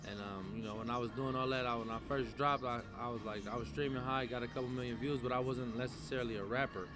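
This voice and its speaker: A man's voice: medium pitch, fairly even intonation, fast talker. A man, a rapper talking casually in an interview, loose and slangy with many fillers and restarts. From San Francisco Bay Area. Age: 20s. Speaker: rapper guest.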